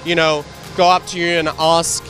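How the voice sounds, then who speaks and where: A young man with a slightly raised voice runs a street interview, upbeat and teasing, with quick follow-ups. He holds a handheld mic on a busy city street. Soft music plays under the traffic. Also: a little high, little pitch movement.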